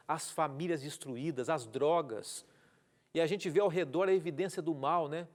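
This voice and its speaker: Brazilian pastor guy on a tv bible study, kinda high voice, earnest, keeps repeating key words. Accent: Brazilian Portuguese. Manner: reads out viewer messages with greetings. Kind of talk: televised Bible study teaching. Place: TV studio.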